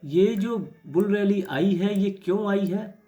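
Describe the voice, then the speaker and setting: Hoarse man explaining trading charts. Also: high-pitched, slow, warm tone. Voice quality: frequent throat clearing. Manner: reflective, repeats key words. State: sore throat. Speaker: stock market trading educator. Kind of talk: chart analysis lesson.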